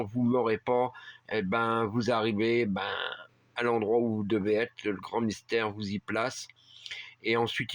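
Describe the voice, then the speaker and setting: A man's voice: mid-range voice, a bit bright, no echo. Rambling man telling a story, dry sound. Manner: rambling, many fillers and restarts. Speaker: vlogger. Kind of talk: casual storytelling. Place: rural home heated by a wood stove.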